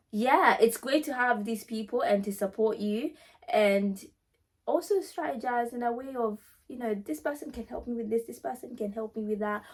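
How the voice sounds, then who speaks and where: A pageant winner with a slightly high voice hosts a casual Q&A vlog, answering questions and speaking directly to her viewers. She's conversational and emphatic, repeating phrases for stress.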